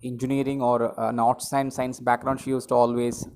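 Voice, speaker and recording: A middle-aged man with an Indian English accent giving a spoken English lesson to camera, slow and emphatic, repeating key words and asking rhetorical questions, recorded in a small room on a wired earphone mic held near his mouth. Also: mid-range voice, monotone, a little mellow, a little hiss or hum, low-quality recording. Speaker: English trainer. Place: small room indoors with a ceiling fan.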